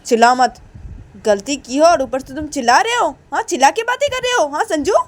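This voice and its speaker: A woman's voice: high voice, lively intonation, brisk, pitched above the performer's own voice. A woman voicing a stern middle-aged mother who scolds in a raised voice. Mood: scolding.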